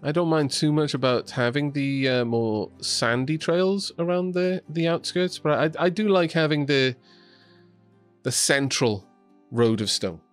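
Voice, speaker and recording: A young Welshman streams a building game from his home setup in Scotland, chatting and thinking aloud with small restarts. His voice is on the high side and a bit slow, with soft music playing behind him.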